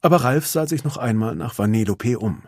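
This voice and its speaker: A man reading a children's storybook aloud in an expressive, animated way. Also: medium pitch, a little fast, no echo, studio quality. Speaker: narrator.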